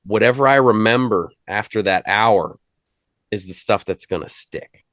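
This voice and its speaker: A man with a lowish voice talks shop about songwriting in a relaxed, rambling way. He swears casually and restarts his sentences as he goes. The sound is dry and close, with no room around it. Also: moderate pace, dry recording. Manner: loose and profane, trails off and restarts often. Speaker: host. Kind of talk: casual music chat.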